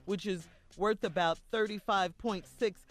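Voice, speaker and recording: An American woman with the manner of a morning radio DJ, co-hosting and reading out entertainment news. Her voice sits at a medium pitch, with faint music underneath. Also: a little slow. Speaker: morning radio show co-host. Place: radio studio.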